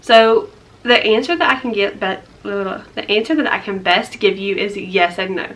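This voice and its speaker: A woman's voice: mid-range voice, moderate pace, fairly bright tone. Chatty young woman, a bit breathless. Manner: rambling, filler-heavy, chatty. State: slightly out of breath. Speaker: vlogger. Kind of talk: casual life update vlog.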